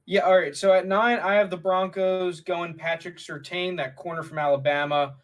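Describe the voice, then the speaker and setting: A man co-hosting a casual sports talk show, relaxed and using many fillers. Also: sits high, moderate pace. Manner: relaxed, filler-heavy, leads the segments. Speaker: podcast co-host. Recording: voice distant from the mic.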